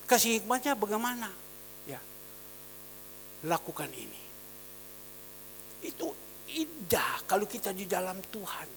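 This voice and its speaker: A man pastor preaching a sermon, shifting between loud exhortation and quiet storytelling. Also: high voice, vocal fry, long reverb tail, slight background noise. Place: church hall.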